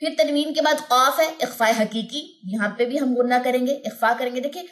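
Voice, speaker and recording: A woman with a Pakistani Urdu accent teaching Quran recitation, explaining each sound step by step and then chanting the verses in a long drawn-out melody. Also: sits high. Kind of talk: tajweed lesson with recitation.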